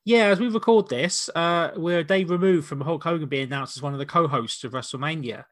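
A man's voice: on the high side, a little fast. A man hosting a casual watch-along podcast, rambling and often rephrasing himself as he goes. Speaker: podcast host.

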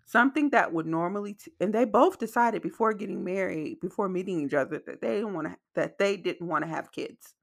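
A woman podcast host speaks in a mid-pitched voice with a noticeable creak. Wet mouth clicks come through between her words. She is reflective and emphatic, repeating key phrases for stress. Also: a little fast, few pauses.

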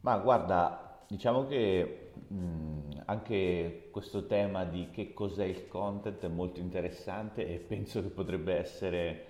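A man, an author, answering interview questions in a reflective, measured way with a light touch of humor. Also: low-pitched, darkish tone, faint music behind. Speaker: author and guest. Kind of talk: podcast interview. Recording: echoey room with long reverb.

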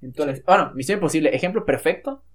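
A man's voice: on the high side, expressive, husky. A young man with a Mexican accent, co-hosting a casual film podcast with a joking, slangy manner. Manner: joking, slangy, quick back-and-forth. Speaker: podcast co-host.

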